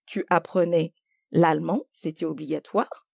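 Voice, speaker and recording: A woman co-hosting a podcast in a casual, animated conversation, leaning hard on her points. Her voice is dark and gravelly with a husky edge, and the close recording sounds dry. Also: low voice, moderate pace, no echo. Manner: animated, emphatic, thinking aloud with fillers. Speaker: podcast co-host.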